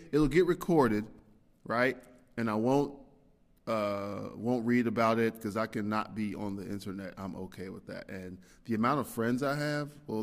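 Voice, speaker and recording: A man hosting a casual solo podcast, rambling and self-deprecating, with lots of fillers and restarts. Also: fairly low pitch. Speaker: podcast host. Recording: long hall reverb.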